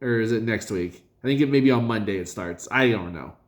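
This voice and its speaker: A man casually reviewing his fantasy league's draft picks, talking in a halting, rambling way with many fillers and self-corrections. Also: on the low side.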